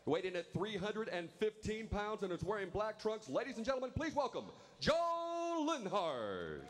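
Ring announcer guy, high voice swooping all over, long arena echo. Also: big pitch swings. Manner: booming, drawn-out announcing of names. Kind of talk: formal ring introductions. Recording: echoey arena with faint noise.

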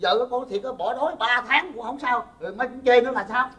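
A man's voice: very high-pitched, brisk, bright, forceful tone, distant mic. A man playing an exasperated grown son, who pleads with and teases his mother in a comedy sketch. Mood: whiny. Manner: whiny, teasing, pleading.

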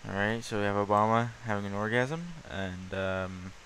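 A young man casually talking through things on his computer screen, rambling with lots of ums and pauses. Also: fairly low pitch, steady tone, a bit bright, slight background noise, rough recording. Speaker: YouTuber showing his desktop. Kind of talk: casual screen-recording chat.

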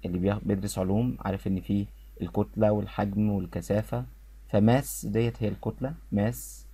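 Man, Egyptian Arabic accent, English pronunciation lesson, repeats words clearly, dry sound. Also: fairly low pitch, level tone, mellow, dry recording. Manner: repeats each word slowly and clearly for students. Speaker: English teacher.

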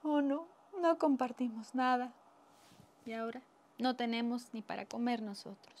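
Woman doing shrill greedy rich folk. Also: steady tone, normal speed, slight background noise, close to an everyday voice. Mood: dismayed. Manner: shrill, bossy shouting. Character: greedy rich diners, shouting and stingy.

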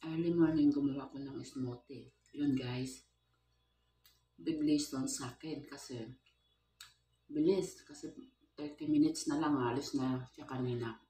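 A woman's voice: a bass voice, steady tone, unhurried, pauses often, warm tone, echoey room, a little hiss or hum. A middle-aged woman chatting casually in a home vlog, laughing often and mixing English into her Tagalog, filmed on a phone on a stand in her kitchen. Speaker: vlogger, household helper.

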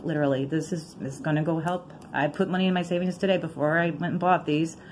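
Giggly excitable woman chatting. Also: low voice, quick pace, slight background noise. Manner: thinks aloud while reading out numbers. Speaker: vlogger scratching lottery tickets. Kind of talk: casual chatty commentary.

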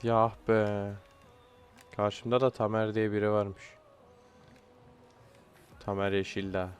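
A man's voice: fairly low pitch, level tone, slow pace, clean tone, soft background music. Young man venting over a football game. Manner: frustrated outbursts, swearing at players. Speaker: gaming YouTuber. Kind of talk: live gameplay commentary.

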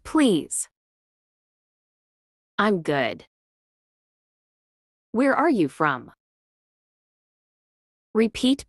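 A woman teaching beginners, reading each short phrase with great care. Her delivery is extremely slow and her pitch swings widely from phrase to phrase. The sound is dry and close with no room echo. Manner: reads each short phrase slowly and clearly, with long pauses. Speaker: English teacher. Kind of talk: slow phrase drills for learners.

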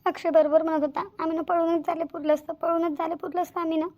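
Tearful young village bride. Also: female voice, very high-pitched, flat delivery, fast, a little mellow. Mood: resolute. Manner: tearful, repeats herself insistently. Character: young village bride-to-be, anxious and self-sacrificing. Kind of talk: cartoon voice acting.

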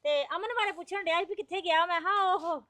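Woman, high and dry, scolding aunt in village drama. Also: quick pace, bright, forceful tone, no echo. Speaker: aunt in a family scene.

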